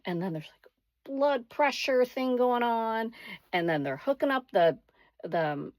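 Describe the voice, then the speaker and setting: A woman's voice: on the high side, expressive, measured pace, a little mellow, no echo, studio quality. A woman vlogger telling a personal story casually, with dramatic, emphatic turns.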